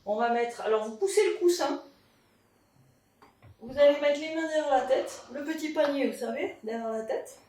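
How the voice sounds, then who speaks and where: A woman's voice: high-pitched, normal speed, warm tone, recorded from a distance. A woman teaching a pilates class at home, chatty and encouraging as she guides the moves. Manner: chatty and encouraging, tags lines with "hein". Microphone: camera in front of her. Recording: echoey room, voice from afar.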